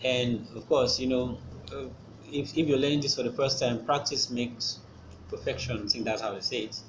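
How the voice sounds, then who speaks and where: A man's voice: medium pitch, fairly even intonation, moderate pace. A man hosting a casual screen-recorded tutorial, explaining step by step with many fillers and restarts. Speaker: channel host explaining trading. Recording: noisy background ambience.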